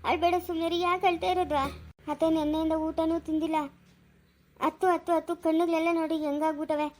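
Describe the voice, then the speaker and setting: A woman with a Chikkaballapura Kannada accent playing a young daughter who softly pleads with her jailed mother. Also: very high voice, little pitch movement, fast talker, slight background noise. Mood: pleading. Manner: soft, pleading, tearful.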